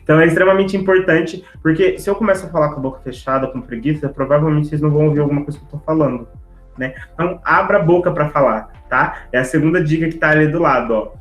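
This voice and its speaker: Brisk, lively man teaching public speaking. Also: fairly high pitch, echoey room, faint music behind, low-quality recording. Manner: lively, talks straight to the audience with tags like "tá?" and "né?"; brisk, speeding up on purpose to fit the content in. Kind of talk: online lecture on public speaking. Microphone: video call setup.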